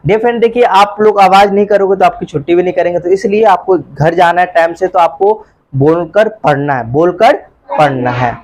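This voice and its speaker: A man teaching a live Hindi alphabet class, leading pupils in call-and-repeat and chanting the letters loudly while coaxing them along. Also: high-pitched, steady tone, quick pace, hardly any pauses. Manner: coaxing, calls pupils beta and bhaiya. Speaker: tutor.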